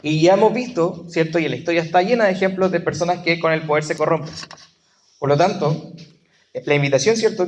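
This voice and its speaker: Chilean male lay preacher, slightly high voice, chatty teaching sermon with frequent tag questions, faint noise behind. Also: darkish tone. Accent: Chilean Spanish.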